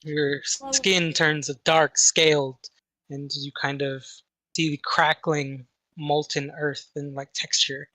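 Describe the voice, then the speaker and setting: A man's voice: fairly high pitch, steady tone, slow pace, sharp tone, no echo. A man running a tabletop game as game master, narrating scenes in an improvised way.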